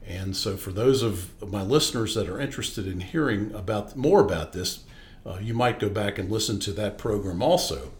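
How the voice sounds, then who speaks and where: A man's voice: lowish voice, lively intonation, moderate pace. A man hosting a podcast, reading an introduction and then asking questions with many hesitations and restarts. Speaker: podcast host.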